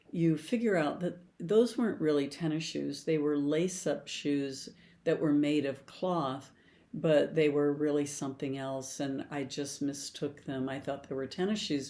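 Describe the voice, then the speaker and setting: A woman's voice: deep voice, mellow. An older woman, a past life regression therapist, explaining in a conversational, storytelling way. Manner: conversational, storytelling with client anecdotes. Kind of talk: explanatory talk.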